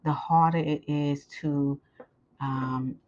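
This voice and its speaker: A woman with a scratchy, sore, swollen-sounding throat, speaking haltingly and with effort as she gives her listeners an informal update as host. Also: low-pitched, steady tone, a little mellow. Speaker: host of Bible lessons. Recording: muffled, dull lo-fi sound.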